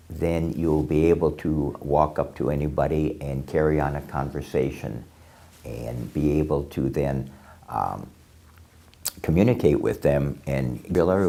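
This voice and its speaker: A man teaching English pronunciation to a class, explaining slowly and deliberately with frequent pauses and fillers. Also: extremely low pitch, mellow. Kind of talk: classroom lesson.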